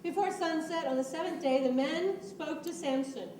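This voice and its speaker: High-voiced woman leading a children's skit. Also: normal speed, mellow. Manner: patient, coaxing instructions mixed with storytelling. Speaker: children's ministry leader directing a Bible skit. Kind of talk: narrating and stage-directing a children's play. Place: church room. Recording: roomy, distant mic with background noise.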